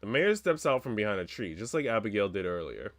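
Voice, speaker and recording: The speaker is a male streamer reading a visual novel's first-person narration out loud, his voice on the low side with a sing-song lilt and a fairly quick pace. The game's visual novel music plays underneath.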